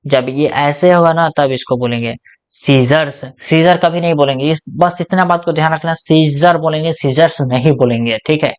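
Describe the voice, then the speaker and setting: Male grammar tutor, Hindi accent, slightly high voice, casual and explanatory, asks and answers his own questions. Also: fairly even intonation, moderate pace. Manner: asks questions and answers them himself, repeats "ठीक ना?" often. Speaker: English grammar teacher.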